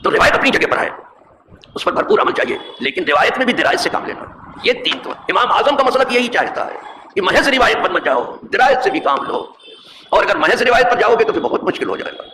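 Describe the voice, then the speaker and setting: Man, imam, religious lesson, higher voice, rhetorical, echoey mosque hall, background noise. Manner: animated, rhetorical questions, recites verse. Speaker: mosque imam teaching hadith.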